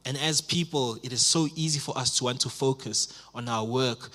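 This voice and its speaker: A young man in his twenties preaches a sermon in church with a bright, forceful tone. He builds his points through earnest repetition, slipping in frequent "uh" and "um" fillers as he goes. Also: mid-range voice, moderate pace. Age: 20s. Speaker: pastor.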